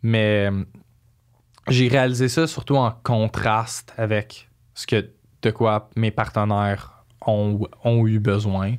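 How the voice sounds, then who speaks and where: A man's voice: lowish voice, steady tone, slow, clear, resonant tone. Young Quebec French man chatting casually. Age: young adult. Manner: slangy, mixing in English phrases. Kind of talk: casual chat.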